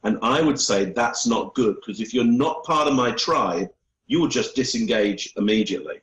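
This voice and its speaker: A man's voice: on the low side, lively intonation, moderate pace. A man, a body language expert, explaining and demonstrating tone of voice to an interviewer over a video call. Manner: explanatory, coaching, asks for feedback. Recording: echoey room.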